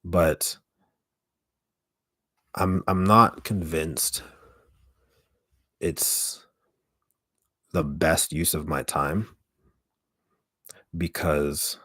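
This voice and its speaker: A man with a deep, gravelly voice chats casually on a livestream in a halting way, often interrupting himself, close to the microphone. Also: steady tone, a bit bright, no room sound. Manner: halting, self-interrupting, mild swearing. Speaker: ASMR streamer hosting a live stream. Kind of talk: casual rambling livestream chat.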